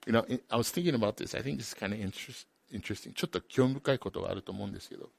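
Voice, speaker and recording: A man preaching a sermon as a pastor, switching between two languages and swinging from loud emphatic peaks to quiet asides. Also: lowish voice, fast, vocal fry, slightly rough, dry recording. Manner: alternates each point between two languages. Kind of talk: bilingual sermon.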